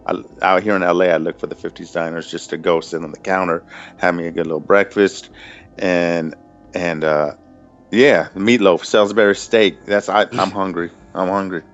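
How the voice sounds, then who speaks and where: Low-voiced man rambling on a podcast. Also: steady tone, moderate pace, soft background music. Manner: rambling, laid-back, many fillers and restarts. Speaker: podcast co-host. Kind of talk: casual chat. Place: Los Angeles. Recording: dull lo-fi podcast audio.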